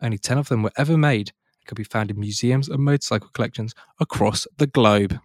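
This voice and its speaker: Male co-host, steady presenter with dry humour, dry close sound. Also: mid-range voice, quick pace, no echo. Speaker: podcast co-host. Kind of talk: casual chat.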